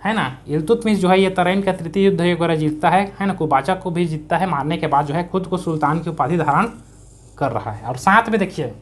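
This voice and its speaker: A man's voice: fairly high pitch, brisk. Man teaching history in chatty Hindi. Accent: Chhattisgarhi-tinged Hindi. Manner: conversational, asks and answers own questions; repeats key words for emphasis. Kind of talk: exam-prep history lesson.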